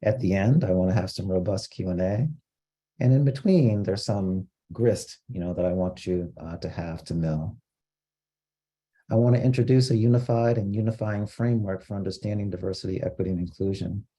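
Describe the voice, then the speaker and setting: Man, from Costa Rica, training lecture, measured, explanatory, husky, dark tone. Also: deep voice. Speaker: diversity trainer.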